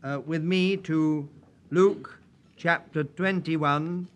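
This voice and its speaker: A man preaching from the pulpit, his voice picked up by a pulpit microphone. He sits a little high for a man and speaks unhurriedly, with solemn, measured phrasing in old-fashioned prayer wording. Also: steady tone. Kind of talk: sermon with prayer and scripture reading. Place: church.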